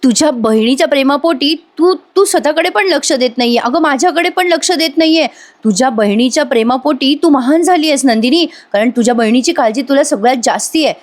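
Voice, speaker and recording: A woman's voice: high-pitched, animated, fairly quick, pitched above the performer's own voice. A wounded grieving husband, read by a woman. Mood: hurt. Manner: wounded, reproachful, heartfelt. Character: hurt young husband grieving quietly.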